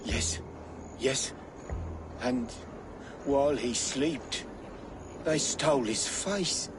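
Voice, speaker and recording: A slow, childlike, sorrowful gravedigger. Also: male voice, medium pitch, music in the background. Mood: mournful. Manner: childlike, repetitive speech. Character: simple-minded, sorrowful gravedigger who mourns his friend. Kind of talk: video game character acting. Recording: clear background noise.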